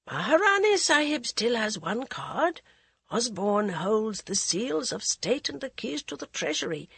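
A woman voicing a shrewd male courtier calmly giving advice. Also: sits high, unhurried, creaky, husky, no echo, pitched above the performer's own voice, full character voice. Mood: advising.

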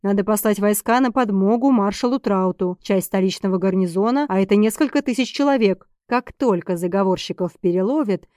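A woman narrating a novel in a steady, measured storytelling manner. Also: medium pitch, no echo, studio quality. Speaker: audiobook narrator. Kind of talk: scripted narration.

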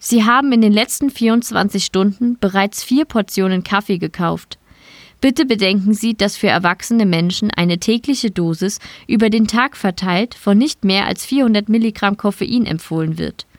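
A woman's voice: medium pitch, normal speed, no echo, studio quality, lightly acted. Woman reading as a polite, impersonal wrist-chip system. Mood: formal.

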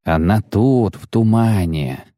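A man reading aloud, voicing an old, superstitious male tracker who talks slowly and uneasily in a rustic way. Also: lowish voice, animated, dark tone, dry recording, clean studio sound. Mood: fearful.

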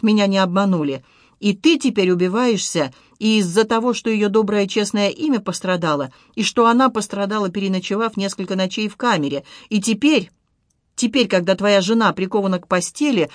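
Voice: medium pitch, no room sound, studio quality, lightly acted. A reader voicing a gasping, bitter invalid wife. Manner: speaks with gasping breaths. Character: bedridden young wife, weak and bitter. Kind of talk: audiobook dialogue.

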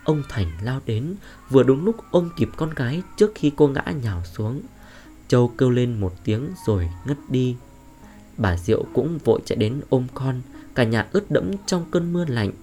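A man narrating a horror story in a dramatic, suspenseful way. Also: mid-range voice. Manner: expressive, suspenseful.

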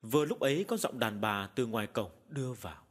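Husky male horror storyteller. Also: mid-range voice, lively intonation, brisk. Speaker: narrator. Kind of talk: audiobook horror narration. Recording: long hall reverb.

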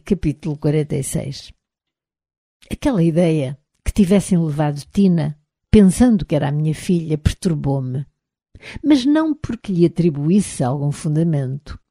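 A woman reads an audiobook in a European Portuguese accent with a measured, even delivery. Her voice is somewhat low and very dark and mellow. The recording is dry and close to the mic. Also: no room sound. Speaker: audiobook narrator. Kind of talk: scripted audiobook narration.

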